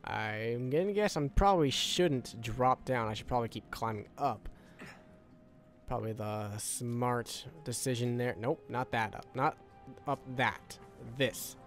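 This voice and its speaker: Soft background music accompanies this let's-play creator as he talks a little slowly in a mid-range voice. Tired and worn-voiced, he rambles casually and mutters the same phrases over to himself.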